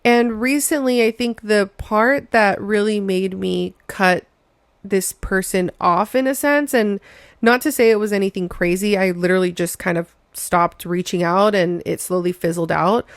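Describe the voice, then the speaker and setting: A woman's voice: mid-range voice, normal speed, dry recording. A young adult woman hosting a solo podcast, telling a personal story in a chatty, emphatic way, often saying "girl" and "like". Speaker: podcast host.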